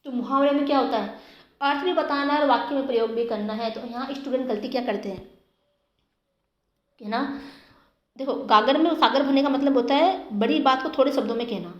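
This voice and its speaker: A woman teacher going through exam grammar questions, repeating the answers slowly for students. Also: sits high, echoey room, muffled recording. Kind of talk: exam-prep grammar lesson.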